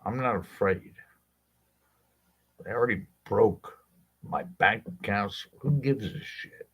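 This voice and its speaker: Low-voiced guy ranting to his viewers, blunt and cussing a lot, slow and deliberate. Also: slightly rough. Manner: blunt, impassioned, swears freely, asks rhetorical questions. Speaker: legal rights advocate addressing viewers. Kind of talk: direct-to-camera monologue.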